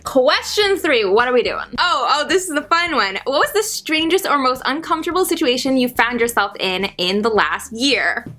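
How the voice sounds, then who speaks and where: A woman's voice: high voice, expressive, normal speed, hardly any pauses, sharp tone. A young woman in her twenties chatting casually to her viewers in a Q&A vlog, bubbly and full of "like". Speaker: YouTuber.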